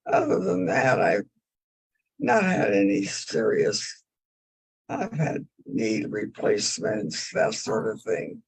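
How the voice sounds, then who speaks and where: A woman aged 101 with a very old, gravelly, low voice, answering interview questions and reminiscing in a halting, hesitant way. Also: sing-song, low-quality recording. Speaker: interview guest.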